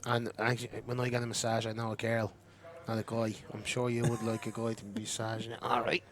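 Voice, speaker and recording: A man's voice: medium pitch, monotone, quick pace. A middle-aged Irish man commentating on a pool match in casual chat, boastful and bantering. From Ireland.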